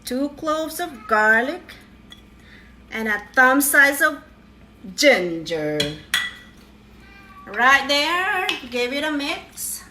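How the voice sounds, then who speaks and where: Recorded from across her echoey kitchen on a distant camera, this middle-aged woman cheerfully shows off a home recipe, joking as she goes. Her voice sits high and is very animated, with drawn-out words and long pauses over a noisy background of faint kitchen clatter. She's a home cook vlogger, playful and quick with a "ta-da."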